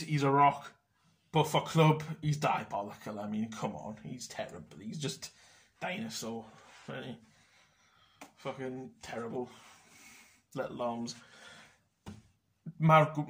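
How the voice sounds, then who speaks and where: A young man vents about football in a loose, casual monologue. He is blunt and sweary, grumbling through his complaints in an ordinary mid-pitched voice. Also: a bit bright. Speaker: football fan vlogger.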